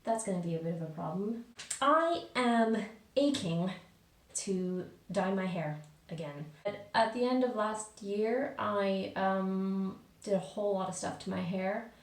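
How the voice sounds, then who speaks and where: A woman's voice: medium pitch, a little slow. Woman chatting casually in an echoey bathroom. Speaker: vlogger. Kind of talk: casual chat to viewers. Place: small indoor bathroom. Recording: echoey bathroom, distant mic.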